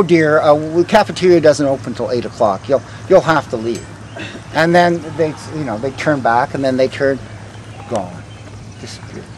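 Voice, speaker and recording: Higher-voiced older man guiding outdoors. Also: poor audio. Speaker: ghost walk guide, former vice principal. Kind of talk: live storytelling to a walking tour group. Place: outdoors on a town street. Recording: outdoor street recording with faint traffic noise.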